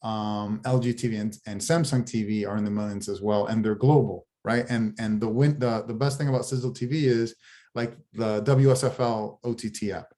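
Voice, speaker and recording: A man pitching his streaming app in a casual business chat over a video call, rambling with many restarts. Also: fairly even intonation, moderate pace, warm tone. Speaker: guest, TV show founder.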